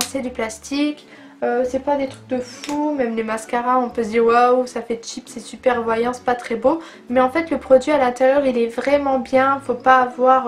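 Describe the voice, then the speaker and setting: Chatty high-voiced woman reviewing makeup. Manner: chatty and enthusiastic, with frequent fillers. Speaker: beauty vlogger. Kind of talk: casual product review vlog.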